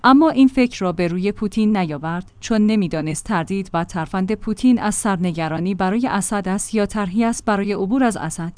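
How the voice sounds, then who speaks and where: A woman reads a news magazine report aloud. Her delivery is steady and measured, at a middle pitch. The sound is dry and close, with no room echo. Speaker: news reader.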